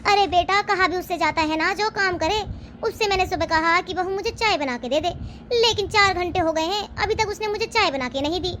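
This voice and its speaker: A woman's voice: extremely high pitch, fairly quick, pushed and bright, a little hiss or hum. A woman voicing a scheming mother-in-law who taunts her son and complains about her daughter-in-law. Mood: nagging.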